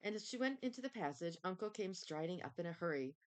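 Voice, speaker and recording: Brief: a gentle woman reading a children's storybook, slightly low pitch. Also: expressive, quick pace.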